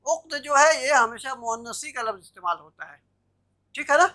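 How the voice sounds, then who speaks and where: High-voiced woman teaching an online class. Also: moderate pace, bright, forceful tone. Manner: explanatory, checks understanding with "theek hai na". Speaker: Arabic grammar teacher. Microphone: video call.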